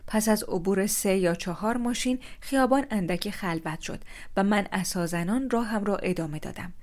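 A woman calmly reading a first-person story aloud as scripted narration. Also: lowish voice. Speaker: story reader.

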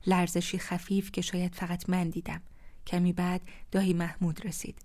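A woman narrating a first-person story in a calm, measured, contemplative way. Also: on the low side.

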